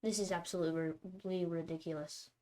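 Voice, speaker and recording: A woman with a fairly low, darkish voice streams herself playing a card game, talking a little fast with fairly even intonation. She narrates her own moves, mutters to herself, and bursts out in exasperation at her bad luck.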